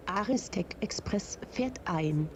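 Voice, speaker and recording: A woman's voice: mid-range voice, expressive, takes it slowly. Synthetic female text-to-speech announcer. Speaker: station announcement. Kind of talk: clear announcer delivery. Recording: dull lo-fi playback with faint noise.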